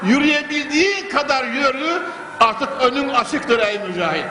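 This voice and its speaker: A man's voice: extremely high pitch, animated, moderate pace. An older man delivering a fervent mosque sermon into a pulpit microphone, speaking in rhythmic phrases and repeating lines for emphasis. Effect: preaching into a pulpit microphone. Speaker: preacher. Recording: echoey hall with clear background noise.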